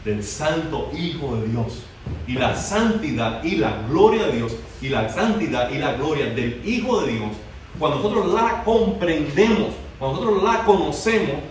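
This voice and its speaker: A man preaching a sermon to a youth group, asking the congregation questions and swinging between hushed and emphatic delivery. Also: on the high side, a little hiss or hum. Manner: call-and-response questions to the congregation. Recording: very echoey hall, mic far off.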